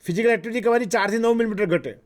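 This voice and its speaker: A man with a Gujarati accent giving a health lecture, unhurried and repetitive, pausing often with fillers. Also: high voice. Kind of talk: health talk mixing Gujarati and English.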